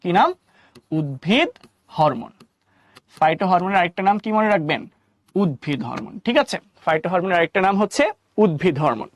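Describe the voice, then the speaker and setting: High, dry-sounding male science teacher, drills terms with questions and answers them himself. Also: expressive, fast talker, no echo. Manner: addresses students by name, reads their chat. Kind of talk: live online lecture.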